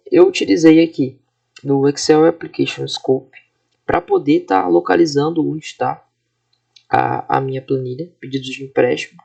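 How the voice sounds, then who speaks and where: Young brazilian guy demoing his project on screen, super gravelly voice, kinda high, keeps checking in with the viewers. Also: a little mellow. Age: 20s. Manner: casual, explanatory, frequent fillers and tag questions. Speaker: student presenting a class project. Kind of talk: screen-recorded software walkthrough.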